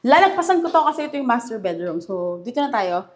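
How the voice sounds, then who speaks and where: A young Filipino-accented woman leads a house tour, talking in a fairly high voice. She sounds chatty and upbeat, full of enthusiasm. She is recorded indoors in a furnished house. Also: big pitch swings, fast talker, a little hiss or hum. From Philippines. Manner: chatty and enthusiastic, mixing Tagalog and English. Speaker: real estate house tour host. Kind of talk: casual house tour walkthrough.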